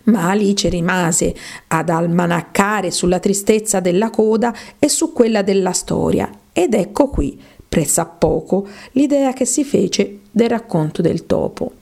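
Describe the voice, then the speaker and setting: A woman narrating a storybook in a steady, expressive reading voice. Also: medium pitch, a little slow, gravelly.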